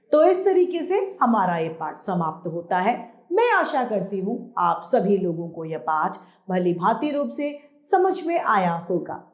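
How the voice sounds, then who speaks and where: Slow, patient woman teaching grammar. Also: medium pitch, a little mellow, roomy sound. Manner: slow, patient reading of word pairs for a class. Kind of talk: Hindi grammar lesson for young children.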